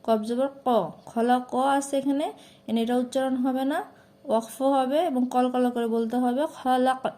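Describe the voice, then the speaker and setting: A woman's voice: sits high, level tone, normal speed, dark tone. A woman with a Bangladeshi Bengali accent teaching Quran pronunciation, stretching out each syllable as she recites. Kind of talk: slow pronunciation lesson.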